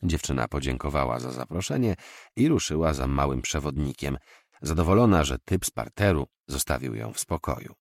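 A man narrating a novel in an expressive, measured storytelling manner. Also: rumbling low, vocal fry, no room sound, studio quality. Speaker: audiobook narrator. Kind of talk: novel reading.

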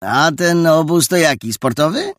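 A man voicing a brash, loud teenage boy who taunts and jeers, in an audiobook reading. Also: fairly high pitch, sing-song, moderate pace, dry recording, studio quality, pitched above the performer's own voice. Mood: mocking.

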